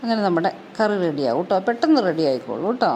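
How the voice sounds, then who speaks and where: A woman narrates her home vlog at a brisk clip, her voice sitting fairly low and easy. She tells it in a casual, chatty way. Faint noise runs in the background. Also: very animated, mellow. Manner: quick, chatty storytelling.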